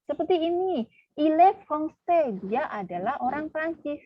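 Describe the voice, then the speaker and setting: A woman's voice: sits high, expressive, a little slow, no echo, highs cut off. A woman teaching a class, patiently repeating words and quizzing her students. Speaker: French teacher. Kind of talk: online class lesson.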